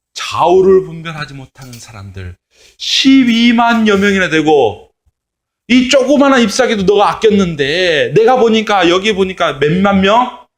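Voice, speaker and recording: A man's voice: high-pitched, a bit bright, voice pushed up, full character voice. A male pastor voicing God as a patient, fatherly figure in a children's Bible story. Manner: slow, solemn, tender pleading.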